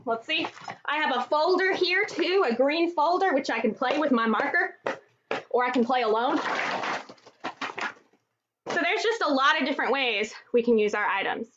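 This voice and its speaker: A woman's voice: sits high, lively intonation, normal speed, long pauses, highs cut off, noisy background. A woman from Texas, a music therapist, leading a children's movement and music class and cheerfully speaking straight to the kids at home. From Texas, USA. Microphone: computer microphone.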